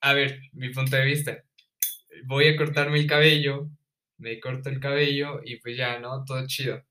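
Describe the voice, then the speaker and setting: A young man with a Mexican accent telling stories in casual chat, animated and slangy, acting out the people he quotes. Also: mid-range voice, normal speed. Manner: animated, acts out quoted voices, slangy and profane.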